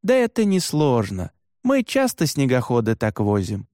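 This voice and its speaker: A man's voice: medium pitch, huge pitch swings, normal speed, a little mellow, dry recording, studio quality. A man voicing a cheerful, never discouraged young reindeer herder in an audiobook, in an easygoing, upbeat way. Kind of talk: audiobook dialogue.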